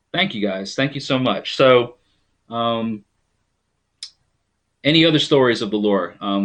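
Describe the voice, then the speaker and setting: A man from rural New York hosts a live stream, greeting viewers and reading their comments aloud. His mid-range voice is a bit bright, and he chats casually, rambling with frequent ums.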